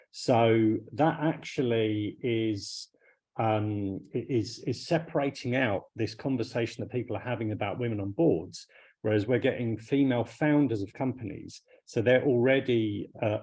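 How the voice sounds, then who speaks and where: Man from the United Kingdom, lowish voice, husky, measured, halting, video call. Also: mellow, rough recording. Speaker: audience questioner. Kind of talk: online panel discussion.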